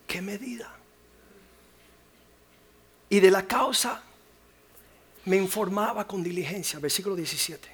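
A man preaching as a pastor, dropping to whispers and rising to loud acted quotes. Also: sits high, unhurried, pauses often, breathy edge. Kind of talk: sermon.

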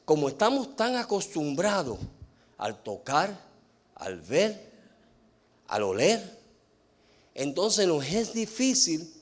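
Man, preacher, high voice, sermon, rhetorical questions to the congregation, slow stressed words. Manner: asks the congregation rhetorical questions and answers them; slows and stresses key words.

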